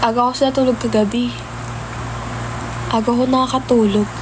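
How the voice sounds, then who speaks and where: A woman's voice: on the high side, steady tone, fairly quick, noisy background. A young woman chatting casually on a phone livestream, greeting viewers by name and mixing in English. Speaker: idol livestreamer. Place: home, early morning.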